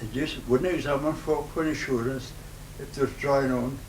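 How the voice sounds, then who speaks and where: A man in his nineties with a broad Scottish accent, reminiscing informally in a halting, rambling way in dialect. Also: mid-range voice, fairly even intonation. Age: 90s. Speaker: interviewee, retired farm worker. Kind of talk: informal oral-history reminiscence. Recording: roomy, noisy, distant microphone.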